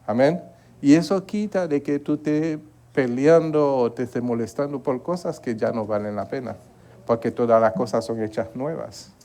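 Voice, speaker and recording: A man from Haiti leads a Bible study sermon in church, his warm, mid-range voice moving at a normal pace. Earnest throughout, he says things again and again and keeps inviting listeners to agree.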